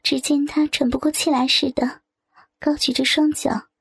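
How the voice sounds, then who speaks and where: A woman narrating an adult story in a soft, sometimes whispered reading voice. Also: sits high, flat delivery, normal speed, gravelly, no room sound. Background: soft guitar music.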